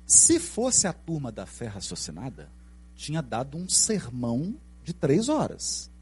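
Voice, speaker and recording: A middle-aged Brazilian man with a Brazilian Portuguese accent giving a spiritist lecture, telling stories in an animated way and asking the audience questions. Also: mid-range voice, a little slow, slightly rough. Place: lecture hall.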